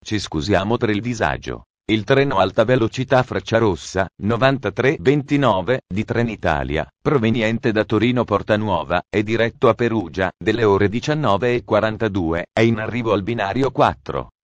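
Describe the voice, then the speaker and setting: A man reading scripted railway station announcements in a flat, formal manner. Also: fairly low pitch, moderate pace, few pauses, no echo, muffled recording.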